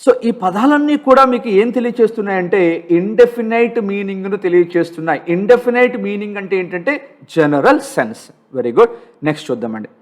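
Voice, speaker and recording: A high-pitched male teacher with a Telugu accent explains grammar in an exam-prep lesson. He drills the point by asking questions and answering them himself. He reads example sentences word by word. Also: lively intonation. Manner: asks and answers his own questions, slow drilled examples. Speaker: English teacher.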